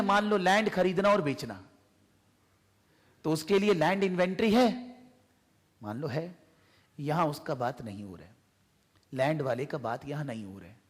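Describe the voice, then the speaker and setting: Indian male accounting tutor, fairly high voice, long classroom reverb, drills points with examples. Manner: explains by repeated examples and questions. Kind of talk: classroom lecture. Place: tuition classroom.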